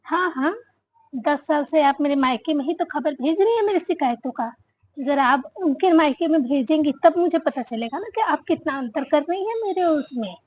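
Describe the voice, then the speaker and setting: A woman acting an elder daughter-in-law who answers back her mother-in-law with sharp complaints in a family drama. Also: high voice, expressive, moderate pace, no room sound, low-quality recording. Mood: indignant. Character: elder daughter-in-law, married ten years, fed up.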